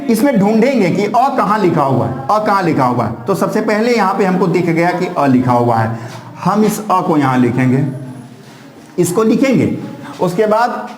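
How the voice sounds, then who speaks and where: Man, Sanskrit grammar teacher, high voice, roomy echo, reciting letter lists. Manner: recites syllables in slow drawn-out lists, addresses students as "beta". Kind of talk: classroom-style lesson.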